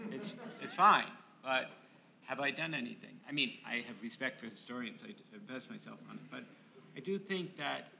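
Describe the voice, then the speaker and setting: Older male panelist with a gravelly edge; searching, repetitive phrasing, faint noise behind him. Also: medium pitch, sharp tone. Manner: halting, repeating words as he thinks aloud. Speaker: panel speaker, academic. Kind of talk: reflective panel discussion. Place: large event room, indoors. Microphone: microphone on a table stand.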